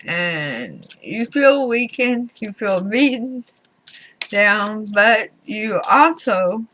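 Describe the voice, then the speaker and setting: Slow, bright-voiced woman with swollen-mouth speech. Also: mid-range voice, animated, a little hiss or hum, rough recording. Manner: deliberate, pausing between short phrases. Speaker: tarot reader. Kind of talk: tarot reading, talking to viewers.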